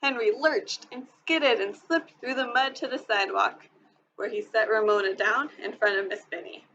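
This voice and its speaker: A woman teacher reading a children's novel aloud, expressive and clear. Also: a little high, moderate pace, muffled recording, slight background noise. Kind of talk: storybook read-aloud.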